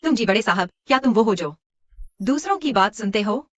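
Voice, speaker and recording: A woman dubbing a sharp-tongued, protective young woman in a short drama, firm and scolding. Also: a little high, animated, fairly quick, dry recording, highs cut off.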